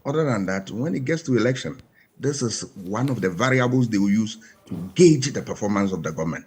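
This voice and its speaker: A man's voice: fairly low pitch, expressive, brisk, a little mellow, slightly rough. A man with a Ghanaian English accent, a panel guest giving emphatic commentary full of rhetorical questions.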